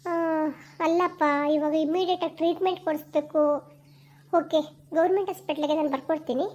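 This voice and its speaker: A woman's voice: very high-pitched, steady tone, a little fast, darkish tone. A woman playing a firm female village clinic doctor in an amateur skit, urging and repeating her instructions. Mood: insistent. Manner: urgent, insistent, repeats instructions.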